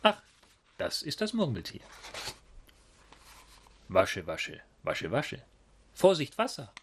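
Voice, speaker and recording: A man reads a rhyming children's story in a slow, expressive sing-song. His voice is slightly husky and moves widely in pitch.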